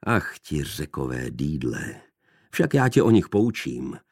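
A man's voice: rumbling low, big pitch swings, gravelly, dry recording, clean studio sound, voice pushed down, heavily acted. A man reading the part of a jovial, mocking young man with a bantering, theatrical way of talking. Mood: rhapsodic.

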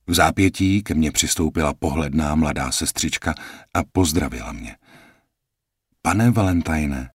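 A man calmly reading a first-person audiobook in a measured, reflective way. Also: rumbling low, slightly rough, no echo, studio quality. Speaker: audiobook narrator.

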